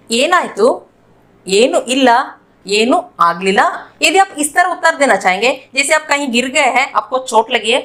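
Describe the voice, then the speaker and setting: A woman with a high voice leads a spoken language lesson. She says each phrase slowly, then repeats it carefully so learners can follow. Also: fairly bright tone. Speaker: language teacher.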